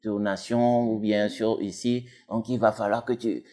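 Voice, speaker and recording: A man's voice: level tone, a little slow, dark tone. A man talks casually as an interview guest. He rambles, restarting sentences and leaning on fillers as he explains his dubbing work. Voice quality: deep voice. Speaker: dubbing actor and technician, guest.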